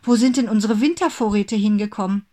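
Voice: medium pitch, big pitch swings, moderate pace, pitched above the performer's own voice, lightly acted. A narrator voicing a caring mother rabbit in a storybook reading. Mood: alarmed. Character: mother rabbit, caring but easily alarmed.

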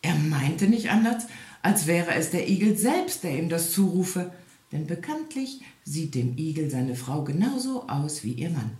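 A woman reading a fairy tale aloud as storyteller, in an expressive, animated way. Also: deep voice, measured pace. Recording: echoey room.

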